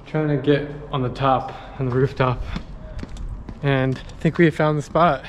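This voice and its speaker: A young man filming a travel vlog in an abandoned palace with a handheld camera, talking in an excited, exclaiming way. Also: mid-range voice, unhurried, slight background noise. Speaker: travel vlogger. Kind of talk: travel vlog with voice-over narration. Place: abandoned palace, large empty stone rooms. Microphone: handheld camera at arm's length.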